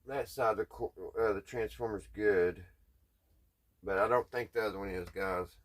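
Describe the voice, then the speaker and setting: This Southern US man talks at a moderate pace in a fairly low pitch. A radio restoration hobbyist and vlogger, he thinks out loud through hands-on repairs in a relaxed, folksy, somewhat hesitant way.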